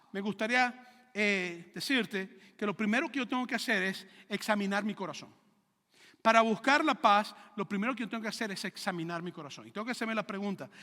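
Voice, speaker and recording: High bright-voiced pastor guy preaching, lots of questions to the crowd, big hall echo. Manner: animated preaching with rhetorical questions and acted-out anecdotes. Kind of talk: sermon. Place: church sanctuary.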